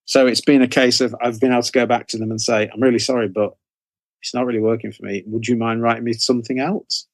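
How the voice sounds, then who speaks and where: This interview guest, an author who edits anthologies, talks fast with a flat delivery at medium pitch, and the recording has no room sound. His casual answers are hesitant, and he frequently repeats and corrects himself.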